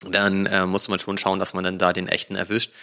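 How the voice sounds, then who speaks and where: Podcast guy co-hosting, chatty and rambly, lots of ähm, bright tone. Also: low voice, monotone, brisk, gravelly. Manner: chatty storyteller, rambling with fillers. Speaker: podcast co-host. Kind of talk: casual podcast chat.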